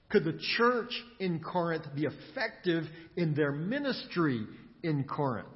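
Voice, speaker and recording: A man preaching a sermon, building his points with rhythmic repetition and dramatic pauses. He sounds like a pastor in a church sanctuary. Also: sits high. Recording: dull sound with long hall reverb.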